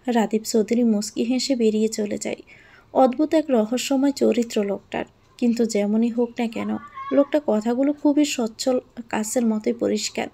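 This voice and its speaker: A woman narrating an emotional love story in the first person, in a soft, heartfelt and earnest way. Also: a little high, steady tone, moderate pace, vocal fry.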